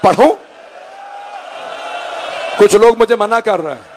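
A man's voice: high-pitched, slow pace, crowd noise, noisy background. A man delivering a mourning sermon, emotional and pleading with his listeners, rising to cries. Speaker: majlis orator. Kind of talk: mourning sermon with acted quotes.

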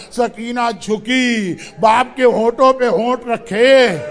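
A male preacher telling a mournful story in an emotional sermon, with rhythmic, lamenting delivery. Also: very high-pitched. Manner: rhythmic, lamenting, dramatic narration.

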